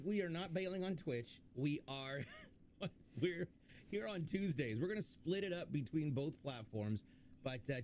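Man, livestream host, casual chat, lively intonation, jokey, reads chat aloud. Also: on the high side, a little hiss or hum.

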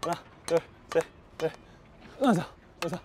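Guy coaching badminton drills, counts his shots as he goes, pretty high voice, some faint traffic outside. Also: a little slow. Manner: counts strokes aloud while hitting against a wall. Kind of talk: instructional demo while practicing.

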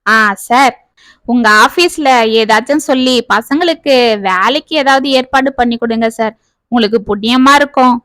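A woman doing a weary middle-aged shopkeeper father from a storybook, grumbling and resigned. The voice is bright and dry, close to the mic. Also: sits high, moderate pace, no echo. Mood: pleading. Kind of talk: storybook reading.

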